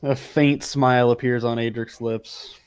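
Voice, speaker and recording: A man's voice: medium pitch, steady tone, a little slow, clean tone. A man chatting casually as a player in a tabletop role-playing game.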